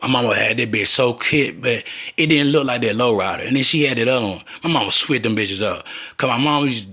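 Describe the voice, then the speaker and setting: A man with a husky, sharp, mid-range voice speaks a little fast, telling long personal stories in a loose, profane, digressive monologue. He often acts out the voices of the people he's describing.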